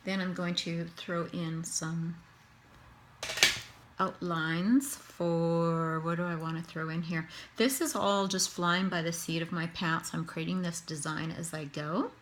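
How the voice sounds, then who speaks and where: A Canadian woman with a matching accent narrates a casual tutorial while face painting herself, chatting and thinking aloud. Her fairly low voice is slow and rather even in intonation, with a slight hiss or hum in the recording.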